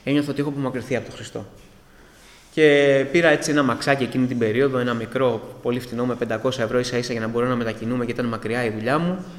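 A man's voice: mid-range voice, steady tone. A man giving an earnest, emotional personal testimony to a church congregation and addressing them as brothers. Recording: echoey hall with long reverb.

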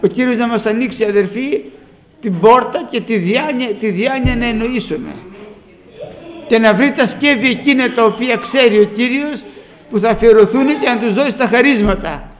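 A man preaching a sermon, moving between hushed storytelling and fervent, shouted exhortation. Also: very high voice.

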